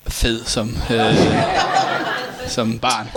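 A man's voice: medium pitch, completely flat delivery, over a noisy crowd, heavy background noise, close to an everyday voice. Man playing a mild elderly psychologist. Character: mild-mannered elderly male psychologist, aged 73. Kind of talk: improvised comedy interview.

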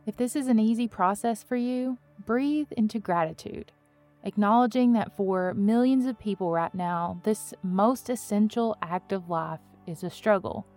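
A woman reading a guided meditation as a podcast host, with a gentle, soothing, unhurried delivery and pauses between phrases. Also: medium pitch, soft background music.

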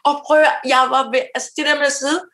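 A woman's voice: high voice, reverberant. A woman co-hosting a podcast, telling a story in casual chat and acting out the voices of people in it. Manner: animated storyteller, acts out quoted voices, laughs often. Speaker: podcast co-host.

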